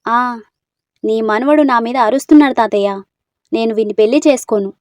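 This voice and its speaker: A woman voicing a spirited, sulky young village woman in a storybook reading, answering with sharp retorts. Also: fairly high pitch, a little fast, dry recording, studio quality, natural voice. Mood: pouting.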